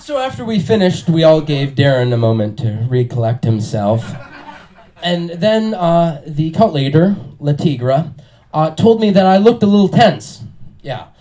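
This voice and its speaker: A man telling a comic anecdote on stage with a halting, wry build-up. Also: a little high, big pitch swings, dark tone. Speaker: comic storyteller. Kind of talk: comic storytelling to an audience.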